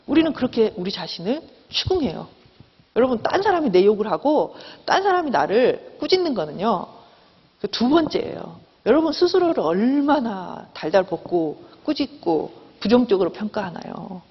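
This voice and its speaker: A woman's voice: on the high side, very animated, moderate pace, breathy edge. A woman professor giving a seminar lecture, earnest and coaxing, often checking in with the class and acting out inner voices. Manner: acts out inner voices in a raised tone. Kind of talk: lecture to students. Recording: dull, lo-fi lecture hall recording with long reverb.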